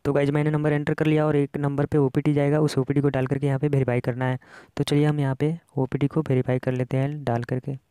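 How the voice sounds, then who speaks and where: A man's voice: fairly high pitch, level tone, quick pace, warm tone, clean tone, no room sound. A man with an Indian accent hosting a casual app tutorial, explaining things step by step in a repetitive way. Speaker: tech tutorial host.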